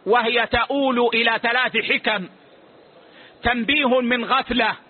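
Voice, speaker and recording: A man, a religious scholar, giving a lesson and answering questions in a measured, authoritative way, closing each answer with a short word. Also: very high-pitched, steady tone. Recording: tinny phone-like lo-fi recording.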